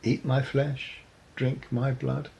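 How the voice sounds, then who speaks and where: A man giving a reflective sermon talk, measured and earnest, often pausing with ums. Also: medium pitch, level tone, gravelly, a little mellow, slight background noise, low-quality recording. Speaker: preacher.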